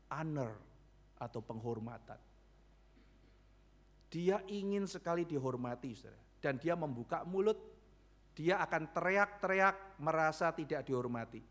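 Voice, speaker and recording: In church, a pastor with a mid-range, slightly bright voice preaches a sermon. He asks the congregation rhetorical questions and acts out biblical characters in quick dialogue.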